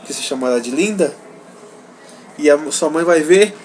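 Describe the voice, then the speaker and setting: A woman coaxing a toddler in a lively, swooping sing-song, her voice sitting a little low for a woman. She films a home video on a handheld phone, talking playful baby talk. A faint hiss sits under her voice. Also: normal speed, poor audio. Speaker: caregiver filming a toddler.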